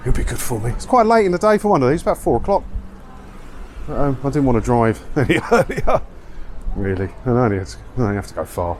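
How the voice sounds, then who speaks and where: Walking around an English seaside town, a vlogger gives sardonic, grumbling commentary on the news, often asking rhetorical questions. His medium-pitched voice is very animated and fast, with windy street noise around him.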